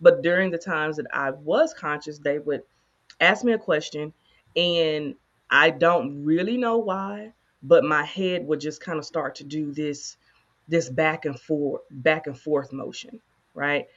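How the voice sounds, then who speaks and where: A woman co-host in casual conversation, candidly telling a personal story with animated asides. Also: deep voice, unhurried, dull audio. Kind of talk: casual chat.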